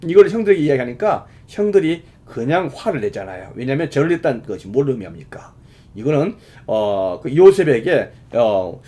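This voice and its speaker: A male pastor giving a sermon in a measured, explaining way, using many fillers and rising with emphasis at key points. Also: medium pitch, dark tone.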